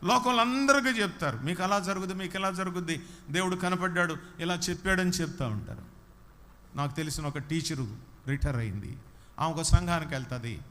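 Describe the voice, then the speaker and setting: A man's voice: on the high side, fairly quick, a bit bright. A man preaching a sermon, repeating lines for emphasis and often asking if the listeners understood. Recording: long hall reverb.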